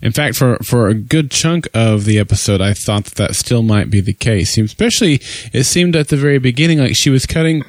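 A man's voice: mid-range voice, expressive, a little fast, no room sound. A man co-hosting a podcast in casual, joking chat with some rambling. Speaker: podcast co-host.

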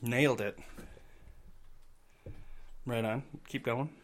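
A man's voice: medium pitch, fairly even intonation, slow. Laid-back male game master. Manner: casual, laughs often, swears freely. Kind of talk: narrating a tabletop game.

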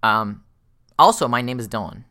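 A man's voice: medium pitch, lively intonation, moderate pace, bright, forceful tone. A young man co-hosting a casual podcast chat, rambling with lots of fillers and restarts. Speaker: podcast co-host.

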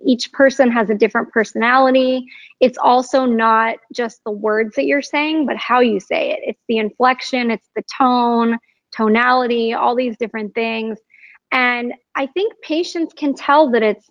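A woman co-hosting a casual talk show, explaining her view in a measured, thoughtful way. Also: fairly high pitch, no echo. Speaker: podcast co-host. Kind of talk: casual conversation. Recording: dull, dry sound.

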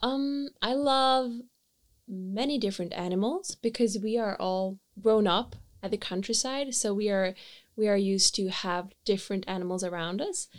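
A woman in her twenties, a guest in a casual interview, cheerful and a little halting. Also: medium pitch. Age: 20s. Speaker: guest, youngest sister.

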